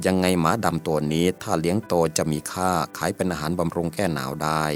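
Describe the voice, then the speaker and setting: A man telling a folk tale in measured, steady scripted narration. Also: low-pitched. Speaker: storyteller.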